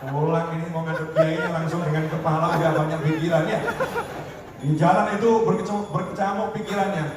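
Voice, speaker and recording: Male preacher, lively joking storyteller, fairly high voice, echoey hall, far mic. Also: brisk, heavy background noise. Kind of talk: storytelling sermon.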